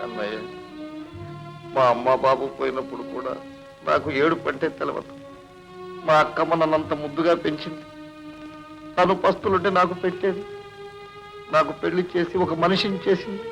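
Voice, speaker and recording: A grieving, gravelly village uncle. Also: male voice, on the high side, steady tone, moderate pace, long pauses, over music, rough recording. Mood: lamenting. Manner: tearful, lamenting. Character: poor grieving village uncle, middle-aged man. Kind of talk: 1970s film drama.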